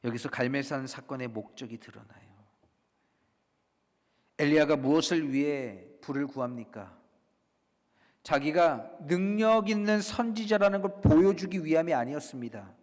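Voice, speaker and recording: A man preaching in a church, his voice sitting a bit high for a man. He rises to strong, declaring lines, then falls to quiet whispers. A long reverb from the sanctuary trails every phrase. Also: lively intonation, normal speed. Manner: dynamic preaching, dropping to soft whispers for emphasis. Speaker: pastor. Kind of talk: sermon.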